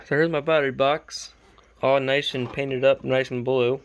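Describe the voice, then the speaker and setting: A man's voice: medium pitch, steady tone, normal speed, clean tone. Sleepy, rambling hobbyist man. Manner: rambling, easygoing, self-correcting. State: sleepy, late at night. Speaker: RC hobby vlogger. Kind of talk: casual build update vlog.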